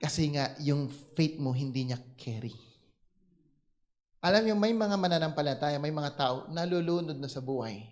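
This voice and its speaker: A male pastor with a Filipino accent, preaching and telling a personal story with animated delivery and English phrases mixed in. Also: fairly high pitch, moderate pace.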